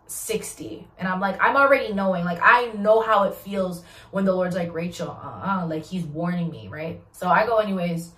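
A woman giving a casual testimony vlog, telling her story in an animated, slangy way. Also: medium pitch. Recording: roomy echo, distant mic.

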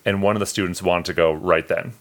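Deep-voiced man telling earnest stories. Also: steady tone, fairly quick, a bit bright. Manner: earnest, heartfelt storytelling. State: emotional. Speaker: podcast co-host. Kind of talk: casual podcast chat.

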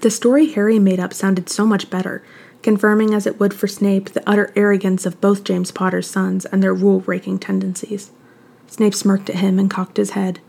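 A woman narrating a fan fiction story aloud in an even, steady way. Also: mid-range voice, normal speed, vocal fry, husky.

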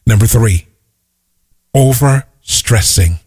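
A man's voice: mid-range voice, slow, darkish tone, breathy edge. A middle-aged man giving an emphatic motivational talk, repeating his key points and telling stories. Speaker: motivational speaker. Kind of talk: motivational monologue.

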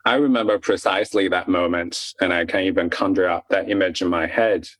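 A man's voice: low voice, fairly even intonation, brisk, fairly bright tone, no room sound, poor audio. A man in his thirties from China, a podcast guest speaking candidly and laughing between thoughts. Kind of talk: casual interview talk.

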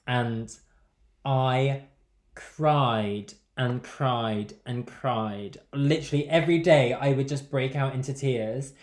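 Man, podcast co-host, mid-pitched, dry teasing banter, echoey room. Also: slow pace. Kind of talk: casual chat. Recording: roomy echo.

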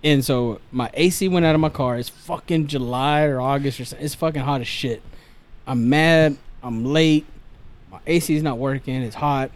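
A man's voice: mid-range voice, normal speed. A man in his forties telling stories in a casual chat, profane and laughing often. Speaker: podcast guest.

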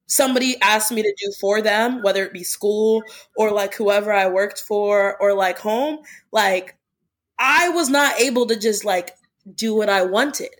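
A young adult woman hosts a podcast in a casual, earnest chat, sprinkling in lots of "like." Her voice is medium in pitch and her pace is measured.

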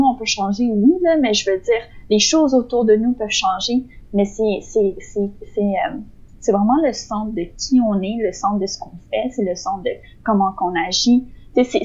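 A woman's voice: a little high, darkish tone. A woman with a Québécois accent, talking casually and reflectively as a podcast co-host, hesitating often and laughing easily. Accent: Québécois French. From Quebec. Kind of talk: casual conversation. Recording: slightly dull lo-fi sound.

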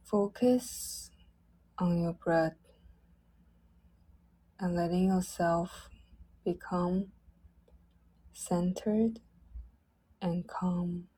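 A woman leading a guided loving-kindness meditation in a soft, gentle, drawn-out way. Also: lowish voice, slightly rough, poor audio.

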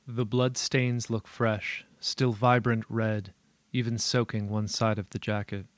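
A man narrating a first-person horror story in a steady, measured voice. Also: fairly low pitch, dry recording.

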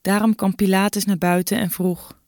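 A woman narrating a Bible passage in an even, measured way. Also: mid-range voice, no room sound, studio quality.

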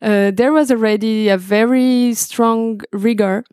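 A young Brazilian woman, a guest musician, talks in a video-call interview from indoors at home, often stopping to search for words. Her voice is a little high, measured, slightly mellow and smooth. The sound is clean studio quality with no room sound.

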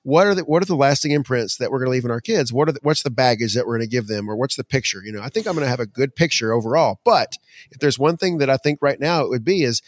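A man co-hosting a podcast in casual chat, talking earnestly and getting animated as he recounts his frustrations. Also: mid-range voice, quick pace, no room sound. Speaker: podcast co-host.

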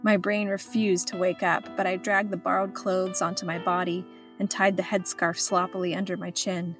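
A woman's voice: lowish voice, level tone, normal speed, music in the background. Woman narrating a memoir, wry and reflective. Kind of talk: scripted first-person narration.

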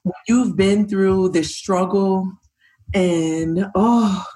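A woman, a fertility patient telling her story emotionally in an interview, animated and gushing, acting out what others said. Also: medium pitch, unhurried.

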